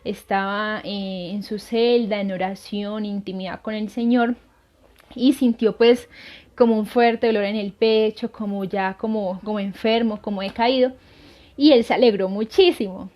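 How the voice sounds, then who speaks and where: A woman's voice: medium pitch, steady tone, a little slow, a little mellow. A woman missionary earnestly telling a saint's life to viewers, hesitating often with fillers. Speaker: lay missionary. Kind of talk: devotional storytelling. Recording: dull lo-fi sound.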